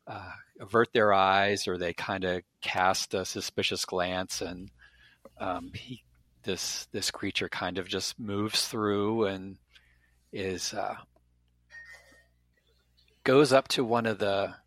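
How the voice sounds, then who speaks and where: A man narrating a tabletop game as a player, halting, with many fillers and restarts. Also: sits low, fairly even intonation, a bit bright, no echo.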